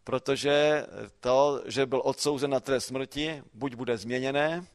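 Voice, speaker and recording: A man preaching a sermon, posing rhetorical questions and moving between quiet explanation and emphatic calls. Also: mid-range voice, fairly even intonation.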